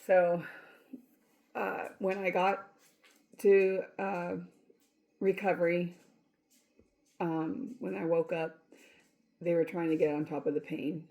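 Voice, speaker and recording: A woman's voice: on the low side, little pitch movement, takes it slowly, creaky, long pauses, a little mellow. A middle-aged woman telling her own story casually, chatty and laughing often, with many fillers and restarts.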